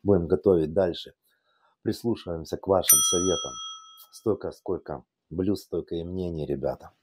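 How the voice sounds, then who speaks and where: A man's voice: deep voice, moderate pace, darkish tone, slight background noise. A man with an Odesa Russian accent tinged with Yiddish, casually demonstrating cooking in a folksy, repetitive way with affectionate diminutives. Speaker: cooking channel host.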